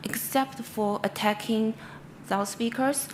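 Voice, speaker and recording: This woman researcher speaks with a Chinese accent and a slightly high, steady voice. Delivering her conference presentation in halting English, she often trips over words and corrects herself, and the recording has obvious noise.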